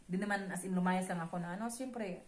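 A young woman from the Philippines telling a personal story to her viewers, animated and acting out her own lines and her employer's in dialogue. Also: on the low side, fast. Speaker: vlogger.

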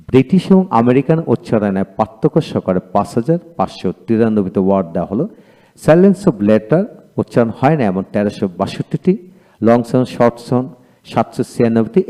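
A male teacher with a Bengali accent gives a video lesson on English pronunciation. His voice is mellow and dark, and his pitch rises and falls widely as he spells out each word letter by letter. He says every word several times, slowly and deliberately.

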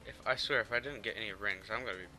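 A man giving excitable play-by-play commentary over a video game, repeating words when he panics. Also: fairly low pitch, very fast, soft background music. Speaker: gamer.

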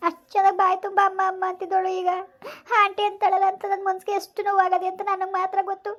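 A woman's voice: very high-pitched, completely flat delivery, quick pace, a bit bright, dull audio. A woman acting a remorseful village stepmother who begs her stepdaughter to forgive her, in an amateur family drama. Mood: relieved. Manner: pleading, repetitive, rural colloquial speech.

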